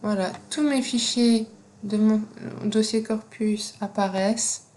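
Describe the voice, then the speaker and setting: A woman with a non-native French accent giving a screen-recorded software tutorial, explaining steps slowly with frequent fillers. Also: mid-range voice, steady tone. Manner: slow, step-by-step instructions with frequent fillers. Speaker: teacher.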